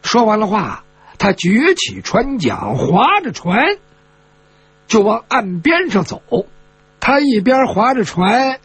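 A male storyteller tells a martial tale in a lively, expressive way, with chatty asides. His voice is husky and rather high, with a wildly swooping pitch. The sound is dry and close. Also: takes it slowly. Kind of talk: traditional storytelling performance.

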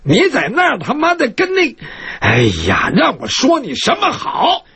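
A man's voice: extremely high pitch, wildly swooping pitch, moderate pace, creaky, bright, forceful tone, no room sound, voice pushed up, full character voice. A man storyteller voicing a crude, scornful eldest bandit brother who curses freely. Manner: cursing, scornful.

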